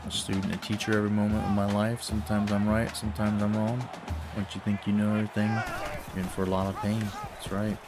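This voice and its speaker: A man's voice: on the low side, monotone, fast talker, music in the background. A man casually commenting while playing a football video game, rambling and swearing between mock play-by-play calls. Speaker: gaming streamer.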